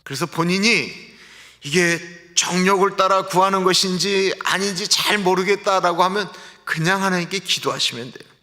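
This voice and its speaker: A male pastor with a high, bright and forceful voice speaks at normal speed, giving an early-morning sermon in a conversational way and asking the congregation rhetorical questions. It's a livestream from a reverberant church sanctuary.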